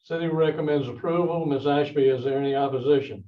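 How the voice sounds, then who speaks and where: Brisk, businesslike man, muffled and distant. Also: on the high side. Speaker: board chair running a public meeting. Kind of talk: formal meeting procedure, roll-call vote and agenda reading. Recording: muffled audio, distant from the microphone.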